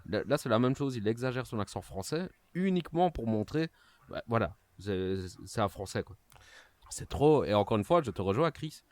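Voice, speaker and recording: A man's voice: mid-range voice, animated, moderate pace, dry recording. A man from Belgium with a Liège accent, speaking as a podcast guest in an emphatic way that often ends phrases with a tag word. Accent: Liège Belgian French. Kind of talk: casual chat.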